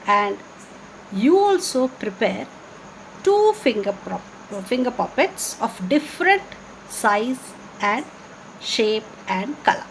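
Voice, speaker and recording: A woman primary teacher speaks slowly in a fairly high voice. She explains simply to young children, asking questions and repeating herself. There is noticeable noise in the recording. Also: poor audio. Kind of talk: children's online class lesson.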